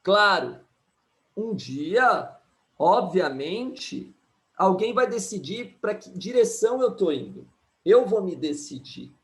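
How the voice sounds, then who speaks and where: A man, an astrologer and numerologist, giving an animated live talk and often tagging his points with "né?". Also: sits high. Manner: animated, keeps asking "né?", acts out quotes. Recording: echoey room.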